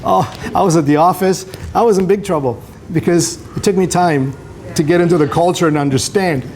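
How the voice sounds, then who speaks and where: Brisk and high, with a slightly mellow quality, the middle-aged man speaks to students indoors as a visiting photographer. He's a native Greek speaker from Greece who moved to Canada at age twelve, and his motivational talk stays conversational, full of stories and tag questions aimed at his listeners. Background hiss and a noisy room come through.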